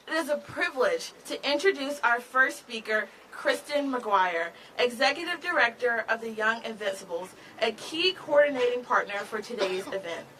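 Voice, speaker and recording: Woman doing a rally speech, bright forceful voice, kinda high, bit of background noise. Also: poor audio. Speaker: rally MC and advocate. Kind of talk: rally speech, prepared remarks. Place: outdoor rally, speaking to a crowd.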